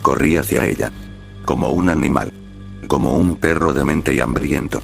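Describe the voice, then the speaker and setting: Brief: text-to-speech male horror narrator, deep and creaky, flat clipped delivery. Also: normal speed, faint music behind.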